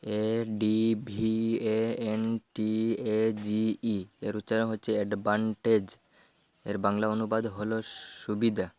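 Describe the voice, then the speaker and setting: Slow, flat-voiced man teaching vocabulary. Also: fairly low pitch, smooth. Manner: slow, even, measured spelling out of letters. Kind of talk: spelling out English words and reading Bengali meanings.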